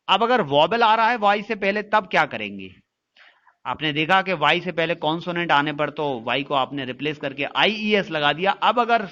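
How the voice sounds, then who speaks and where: A man's voice: high-pitched, pushed and bright, lo-fi sound. A man teaching English grammar in Hindi mixed with Indian-accented English, spelling words out letter by letter and asking questions back to the class.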